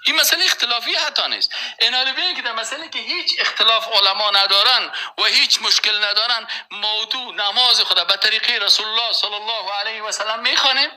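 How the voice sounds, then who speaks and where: A man giving a religious lecture as a preacher, slowly reciting verses and then rising into emphatic, insistent points. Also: high voice, pushed and bright, rough recording.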